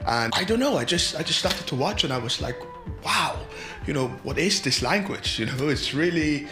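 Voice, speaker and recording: Actor doing dreamy young dutch guy, very animated, rambly, mockumentary, music behind. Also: a little high, normal speed, reverberant, natural voice. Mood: enthused. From Netherlands. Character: eager, dreamy young Dutch male language student. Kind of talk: mockumentary comedy interview.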